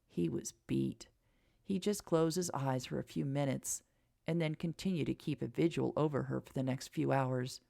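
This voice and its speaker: A woman narrating a romance audiobook in a calm, even reading. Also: extremely low pitch, vocal fry, no room sound, clean studio sound.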